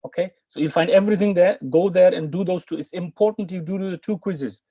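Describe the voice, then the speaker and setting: In live online class talk, a middle-aged man teaches Arabic via video call from a home room. His voice sits high and sounds mellow, and he speaks briskly with no room sound. He comes across as earnest and coaxing, repeatedly restarting his words.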